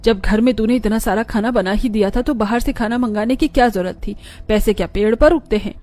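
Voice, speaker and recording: A stern, scolding mother-in-law in a cartoon story, played by a man raising his voice. Her tone is dark and mellow, with a bossy edge. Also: high-pitched, moderate pace, voice pushed up, lightly acted. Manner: scolding, sharp. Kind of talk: cartoon voice acting.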